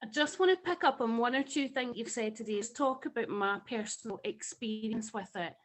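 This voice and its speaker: A woman's voice: a little high, fairly quick, poor audio. Effusive Scottish woman on a video call. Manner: effusive, emotional, passionate. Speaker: webinar participant.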